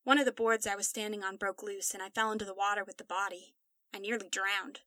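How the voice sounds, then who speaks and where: A woman's voice: fairly high pitch, moderate pace, pushed and bright, dry recording. A woman voicing a distraught young man who speaks in a subdued, matter-of-fact way in a storybook reading. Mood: flat.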